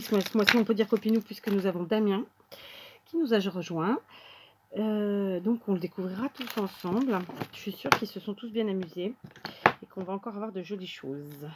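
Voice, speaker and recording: A woman's voice: medium pitch, background noise. Chatty woman demonstrating card crafts. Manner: chatty, thinks aloud with many fillers. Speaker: card-making tutorial host.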